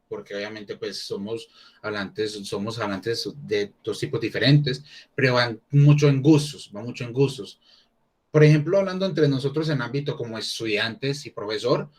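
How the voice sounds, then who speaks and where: A man's voice: mid-range voice, slightly rough. A man teaching an English class online, talking casually and thinking aloud with many restarts.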